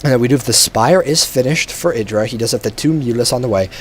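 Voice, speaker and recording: A man commentating a strategy video game match alone, chatty and relaxed with frequent fillers, a bit tired. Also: mid-range voice, fast talker, a little hiss or hum.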